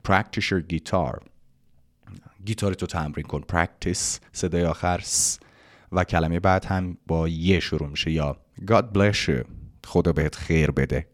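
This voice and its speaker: A man from Iran, teaching an English pronunciation lesson and reading English phrases slowly and carefully. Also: extremely low pitch. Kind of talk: language lesson explaining pronunciation.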